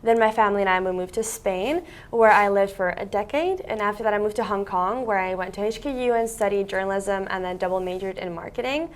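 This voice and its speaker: Speaking briskly with hardly any pauses, a young content creator from Siberia, Russia, is a guest in an office interview held in a meeting room with large windows. Her voice is medium-pitched, and her casual chat is packed with "like."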